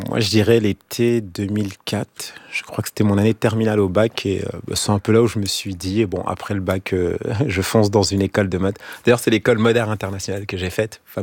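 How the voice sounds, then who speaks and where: A man from France, a fashion designer guest answering casually with a relaxed, hesitant delivery and many fillers. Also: low voice, no echo.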